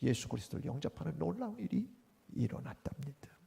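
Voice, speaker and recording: Gravelly, lively-voiced man preaching a sermon. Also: fairly high pitch, quick pace. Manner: animated storytelling, acting out the people in his anecdotes. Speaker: pastor. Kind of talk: Sunday sermon. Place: church sanctuary.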